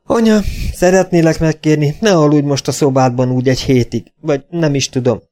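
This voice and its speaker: A man's voice: fairly high pitch, dark tone, pitched above the performer's own voice, close to an everyday voice. A man voicing a tense grown son who firmly insists to his old mother, in an audiobook. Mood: pleading. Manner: firm, insistent, sometimes pleading. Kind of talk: audiobook character voice.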